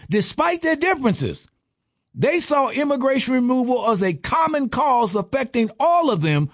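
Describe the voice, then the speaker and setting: A man's voice: very high-pitched, no echo, clean studio sound. A man giving an impassioned lecture, stressing lists and asking rhetorical questions.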